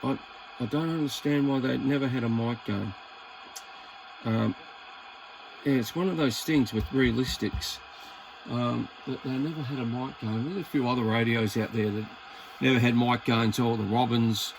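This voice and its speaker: An Australian man with a mid-range voice and some vocal fry talks at a moderate pace over a noisy background. He's presenting a hobby video and demonstrating equipment, chatting in a casual, hesitant, laid-back way that tends to ramble.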